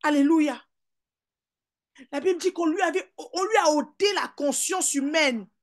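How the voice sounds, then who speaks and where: A woman pastor giving a fervent sermon, repeating calls of hallelujah and beloved, swinging between emphatic peaks and soft asides. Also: high voice, measured pace. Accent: French.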